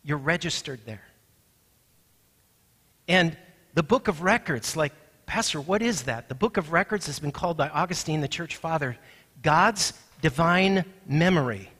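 A man's voice: a little high, unhurried, pauses often, fairly bright tone, breathy edge, long reverb tail. A man preaching a sermon as pastor, emphatic and repeating his key points with rising force, in a church sanctuary.

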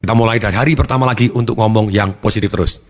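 A man giving a motivational talk, acting out examples of tone with big swings in pitch. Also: fairly even intonation, racing. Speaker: motivational speaker.

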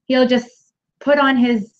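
A woman's voice: sits high, level tone, measured pace. A woman co-hosting a casual live stream, chatty and playful. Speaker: co-host. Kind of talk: casual chat. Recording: dull lo-fi livestream audio.

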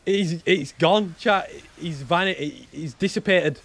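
Excitable high-voiced gaming streamer. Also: male voice, slow. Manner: excitable, bursts into shouts and laughs, repeats himself. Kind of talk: live gameplay commentary to chat.

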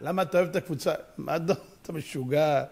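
A man giving a sermon as a rabbi, animated and full of rhetorical questions. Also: gravelly, husky. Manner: animated, rhetorical questions, sharp pitch swings.

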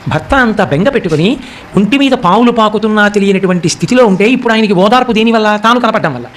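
A man giving a devotional discourse on a sacred epic. He recites verses slowly and explains them, and speaks the characters' lines in a softer voice. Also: sits high, expressive, a little hiss or hum. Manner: acts out the characters' speech in a softer voice.

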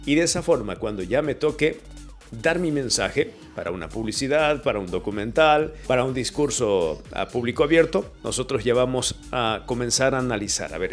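A man teaching voice technique. He talks directly to the viewer and changes his projection and brightness on purpose to demonstrate. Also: medium pitch. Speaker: voice coach. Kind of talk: voice technique tutorial. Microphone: camera and microphone.

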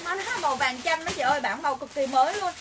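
High fast-talking woman selling live. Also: background noise. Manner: brisk, repetitive calls for orders. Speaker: livestream seller. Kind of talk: fast sales pitch on a live stream.

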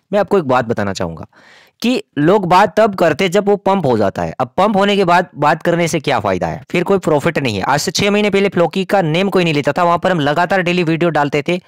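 A man's voice: a little high, clear, resonant tone, dry recording, clean studio sound. A man hosting his own channel, giving casual, chatty market commentary and speaking straight to his viewers. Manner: chatty, explanatory, addresses viewers directly. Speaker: crypto channel host.

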